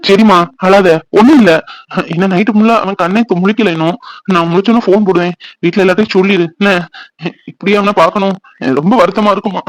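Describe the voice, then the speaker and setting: A man's voice: sits high, steady tone, quick pace, no room sound, close to an everyday voice, rough recording. A man voicing a worried older father-in-law in a cartoon, speaking sorrowfully and comforting. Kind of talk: cartoon voice acting.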